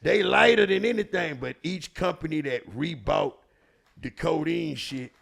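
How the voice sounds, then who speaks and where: With heavy gravel and fry in his voice and a Houston, Texas accent, a show regular tells stories casually. His street talk is slangy, profane, and emphatic, circling back on phrases. His voice is a little high and fairly bright, and he takes his time.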